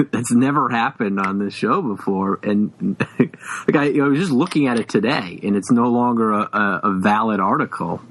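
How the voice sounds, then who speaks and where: Halting, rambling podcast guy. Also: fairly low pitch, poor audio. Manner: halting, many fillers and restarts, laughs often. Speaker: podcast co-host. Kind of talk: casual chat.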